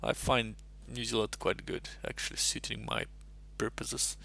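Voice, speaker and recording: A Russian-born man talks in a heavily gravelly, fry-laden voice. He chats on a live stream in a loose, rambling way, thinking aloud over chess puzzles into a desk mic. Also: medium pitch, flat delivery, normal speed, sharp tone. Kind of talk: casual live-stream chat.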